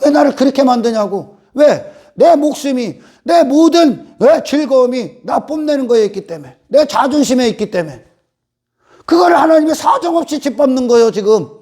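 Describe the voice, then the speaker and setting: A man preaching a fiery sermon as pastor, rising to shouts and acting out the complaints of his hearers. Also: very high-pitched, animated, moderate pace, breathy edge. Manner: fiery, rises to shouts, mimics complaining voices. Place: church sanctuary.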